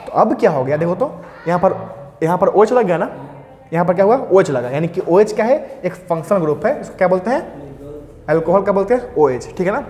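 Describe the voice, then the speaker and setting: A man's voice: high-pitched, darkish tone. A man teaching a class 10 chemistry lesson, asking questions and answering them himself and counting atoms aloud as he draws. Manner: asks and answers his own questions. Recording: roomy echo, faint background noise.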